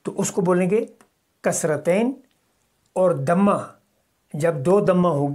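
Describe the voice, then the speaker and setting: Mellow-voiced man teaching patiently. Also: high voice. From Kashmir. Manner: patient, step-by-step explaining with repeated examples. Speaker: Arabic teacher. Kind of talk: recorded language lecture.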